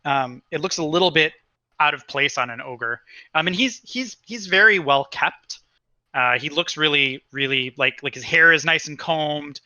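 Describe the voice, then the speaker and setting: A man's voice: on the high side, moderate pace, sharp tone, no room sound. A man narrating a tabletop game as game master, in a casual, rambling way with lots of fillers.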